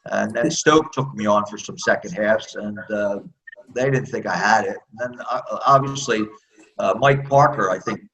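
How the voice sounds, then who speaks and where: A man's voice: fairly low pitch, moderate pace, fairly bright tone, rough recording. A man in his sixties with an American accent, a former speedway rider telling candid, self-deprecating stories in a casual interview.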